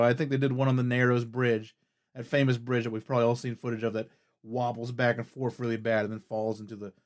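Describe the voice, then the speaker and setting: A male podcast host talking at a middling pitch in a loose, rambling chat. He pads his sentences with "like" and "uh" and sounds keen and easygoing about what he's telling. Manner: rambling, full of "like" and "uh".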